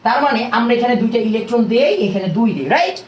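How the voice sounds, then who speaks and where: A man's voice: extremely high pitch, lively intonation, highs cut off, slight background noise. A young man, teaching a live online chemistry class. He talks casually and keeps throwing questions at his students. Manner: quick, chatty, keeps prompting students with questions. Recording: roomy echo.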